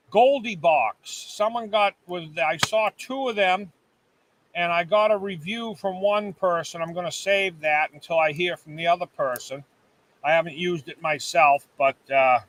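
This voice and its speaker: A man with a high, bright voice hosts a relaxed live chat from a cabin. He talks loosely to his viewers and reads their comments aloud as they come in. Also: recorded from a distance, poor audio. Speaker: livestream host.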